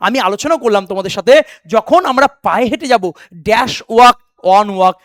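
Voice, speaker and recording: A man's voice: sits high, fairly quick, a bit bright, no room sound, clean studio sound. A man teaching an exam-prep English lesson who drills rules by repetition, calls students "baba" and "beta", and breaks into fervent motivational pep talk. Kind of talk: online exam coaching lesson.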